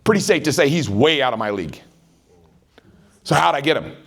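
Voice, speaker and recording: Fast-talking, energetic middle-aged man. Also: mid-range voice, vocal fry, slightly rough. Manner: energetic, chatty storyteller who keeps checking in with the audience. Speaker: network marketing trainer. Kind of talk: motivational sales training talk.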